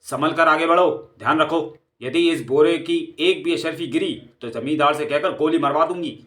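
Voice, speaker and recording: A woman's voice: sits low, normal speed, fairly bright tone. A man voicing a shrewd, scheming village woman who talks in a sweetly false, coaxing way for a storybook audio drama. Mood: commanding.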